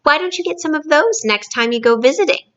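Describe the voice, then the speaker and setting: A woman's voice: sits high, animated, fast talker, fairly bright tone, dull audio, pitched above the performer's own voice. A woman voicing a polite, sensible little girl in a storybook reading. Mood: earnest.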